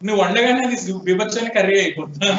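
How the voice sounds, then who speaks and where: A man's voice: sits high, unhurried, background noise. A man with a Telugu accent teaching programming in a classroom lecture, questioning his students and prompting them to answer. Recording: echoey room, distant, dull lo-fi sound.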